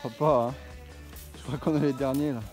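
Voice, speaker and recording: A man's voice: medium pitch, steady tone, brisk, music in the background. A man in his thirties chatting casually and teasing as he films himself skiing through a snowy forest, then driving. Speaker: vlogger. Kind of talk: casual vlog chat. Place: outdoors on a snowy forest ski trail, later in a car.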